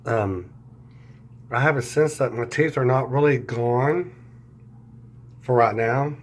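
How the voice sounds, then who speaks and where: A man talking casually in an unscripted video diary, halting and searching for words, his speech affected by new dentures and a swollen mouth. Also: medium pitch, slight background noise. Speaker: vlogger sharing dental recovery diary.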